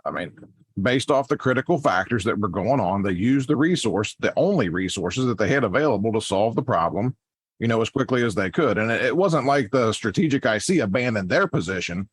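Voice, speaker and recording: A man explaining things in a casual discussion, haltingly, thinking aloud as he goes. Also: fairly low pitch, animated, slightly rough, dry recording, studio quality. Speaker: fire service podcast panelist.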